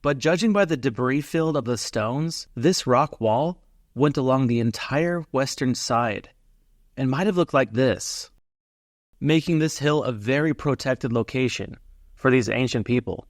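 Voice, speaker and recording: A man calmly narrating a voice-over for his hiking video. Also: medium pitch, unhurried, no room sound, clean studio sound. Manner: calm explanatory. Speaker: vlogger narrating.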